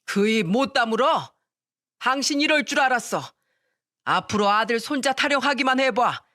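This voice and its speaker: A woman's voice: lively intonation, normal speed, bright, forceful tone, no room sound, studio quality. A woman voicing a stern older father-in-law who scolds his wife in a storytelling radio drama. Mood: angry scolding. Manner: booming scolding.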